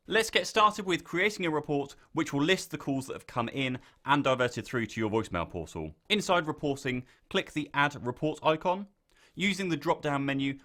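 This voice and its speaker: A man narrates a scripted software tutorial, walking through clear step-by-step instructions in a medium-pitched voice.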